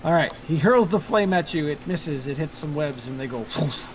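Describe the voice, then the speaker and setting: A man's voice: a little high, a little fast. A man running a tabletop game as game master, narrating casually and thinking aloud about the rules. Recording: noisy room, steady background noise.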